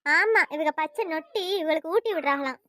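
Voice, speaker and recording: A woman voicing a scolding, sharp-tongued old mother-in-law in a family cartoon, nagging and quarrelsome. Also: high voice, expressive, a little fast, no echo, studio quality. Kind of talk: cartoon voice acting.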